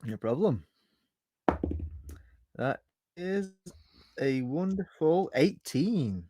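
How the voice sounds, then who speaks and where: A man's voice: on the high side, sing-song, drawn-out words, dark tone, slight background noise. A man playing a tabletop game, talking casually with a playful, sarcastic edge. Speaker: player.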